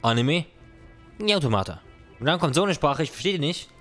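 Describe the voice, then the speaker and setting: A man's voice: on the high side, lively intonation, brisk, fairly bright tone, faint music behind. A young man, reacting casually to comments on his own video, dropping slang and English phrases. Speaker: content creator.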